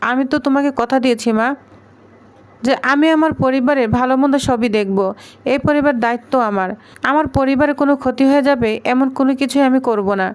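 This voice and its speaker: A worried young man who keeps his secrets close, read by a woman narrator. The voice stays high and smooth, without a male pitch. His lines are read in an earnest, plain manner. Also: quick pace, natural voice. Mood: guarded.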